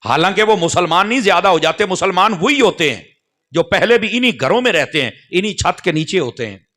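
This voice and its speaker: A man's voice: sits high, animated, fairly quick, pushed and bright. A man preaching a sermon in a mosque, speaking straight to the gathering and checking that they follow. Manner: addresses the crowd directly, often checking they follow.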